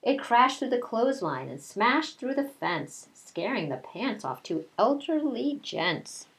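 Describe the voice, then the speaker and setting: With a somewhat high, sing-song, gravelly voice, this kindergarten teacher takes her time reading a picture book to young children, though the audio is poor. Story time mixes the read-aloud with relaxed chat aimed straight at the kids.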